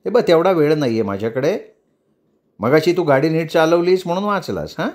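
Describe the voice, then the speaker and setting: A man's voice: fairly high pitch, animated, brisk, a little mellow, lightly acted. A brusque messenger of death, played by a male storyteller, hurries his victim along, impatient and matter-of-fact. He talks in plain, clipped orders.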